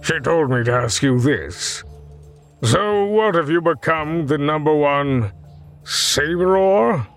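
A man's voice: a little high, expressive, slow, soft background music, pitched above the performer's own voice. A man voicing a fussy, plaintive older nobleman in a storybook reading.

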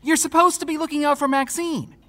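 A man's voice: very high voice, steady tone, a little fast, bright, forceful tone, long reverb tail. A man playing a stern, exasperated, protective small-town sheriff in an audio drama, scolding and emphatic. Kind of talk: naturalistic audio drama acting.

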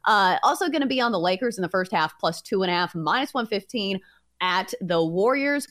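A woman co-hosting a sports betting show, pitching her picks like a confident tipster. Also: animated, brisk, fairly bright tone.

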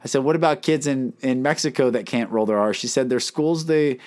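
In a solo episode, a podcast host and life coach speaks briskly in a mid-range, slightly mellow voice. He addresses listeners with earnest, emphatic questions. Rolling his R's is beyond him.

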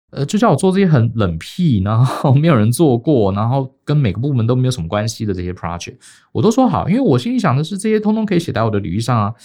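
A middle-aged man from Taiwan with a Taiwanese Mandarin accent, co-hosting a podcast and telling a casual career story, often pausing on fillers. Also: lowish voice, a little mellow. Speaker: podcast co-host.

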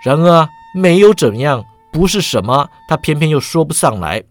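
A man's voice: a little high, very animated, moderate pace, soft background music. A male storyteller reading a serialized martial-arts novel in a leisurely way, drawing out his sentence-final particles.

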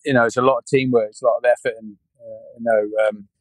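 His medium-pitched voice barely moves in pitch as this British podcast guest, a man in his forties, talks fast. He rambles through a casual interview with lots of restarts and frequent "yeah" and "you know." Poor audio, no room sound.

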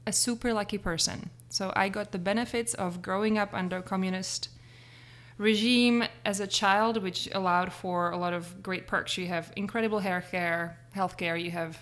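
A woman's voice: mid-range voice, fairly even intonation, moderate pace, fairly bright tone. Middle-aged woman with a Czech accent. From Czech Republic, grew up in Prague. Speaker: interview guest, real estate agent. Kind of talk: conversational interview.

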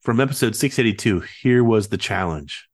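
A man's voice: on the low side, lively intonation, a little fast, dry recording, clean studio sound. A man hosting a casual podcast, sounding nasal and stuffed up with a head cold. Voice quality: nasal, congested voice. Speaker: podcast host.

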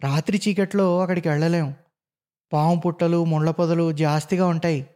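A man's voice: on the high side, steady tone, a little fast, dark tone, natural voice. A man voicing a worried, stern old village healer in a spoken story. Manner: pleading, anxious.

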